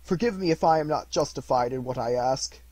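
An anxious old miser pleads in a slightly raised, husky voice, as a man puts him on. The sound is dry and close. It is a storybook reading. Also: brisk, darkish tone, no room sound, natural voice. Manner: raised and tense, slightly higher.

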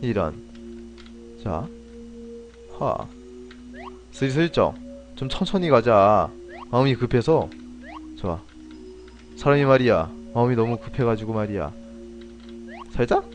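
A man playing an indie game on stream, commenting as he goes, yelping and shouting at tense moments and reading the story lines aloud. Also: medium pitch, measured pace, long pauses, faint music behind. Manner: excitable, yelps and shouts during play. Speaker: gameplay streamer. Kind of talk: let's play commentary with read-aloud dialogue.

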